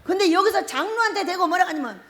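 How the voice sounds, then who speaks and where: A woman's voice: extremely high pitch, lively intonation, fast, fairly bright tone. A middle-aged woman pastor preaching a sermon, telling stories with laughs and acted-out quotes. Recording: long hall reverb.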